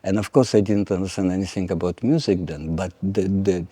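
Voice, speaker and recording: An older man, a violin teacher talking in a measured way, pausing to search for words and making dry jokes. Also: sits low, mellow, husky, no echo. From Lithuania. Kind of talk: conversational interview.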